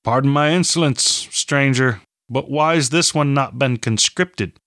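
A man's voice: medium pitch, a little slow, fairly bright tone, no room sound, studio quality, close to an everyday voice. A man voicing an elderly village man, wary of strangers at first and then welcoming, in an audiobook reading.

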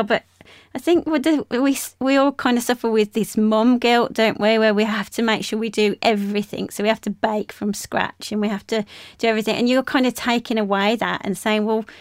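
Higher-voiced woman hosting a chat. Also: no room sound, studio quality. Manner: warmly agreeing, uses tag questions. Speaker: podcast host. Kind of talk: casual interview chat.

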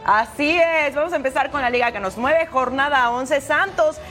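A female sports host with a high voice presents match highlights. She is playful and chatty, dropping asides to her co-host and viewers, with faint music behind her. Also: moderate pace, fairly bright tone.

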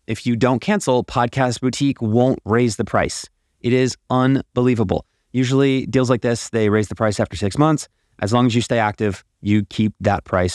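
Male podcast host, mid-pitched, promotional and emphatic, closely dry recording made in an attic. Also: darkish tone, dry recording. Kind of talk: scripted podcast monologue promoting deals. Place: attic of a house.

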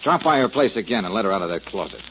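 An actor playing a smooth-talking, wry male detective in an old-time drama, easygoing and teasing. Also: on the low side, very animated, very fast. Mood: businesslike. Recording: dull noisy old drama recording.

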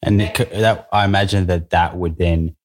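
A man's voice: deep voice, steady tone, normal speed. A man hosting a podcast interview, asking his questions hesitantly and often restarting his phrases. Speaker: podcast host.

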